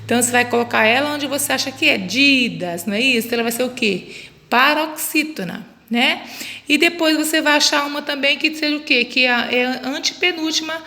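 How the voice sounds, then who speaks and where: A woman's voice: high-pitched, quick pace, sharp tone. A woman teaching children a lesson, stretching out words syllable by syllable and answering her own questions. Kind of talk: recorded remote class for children. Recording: reverberant room, faint background noise.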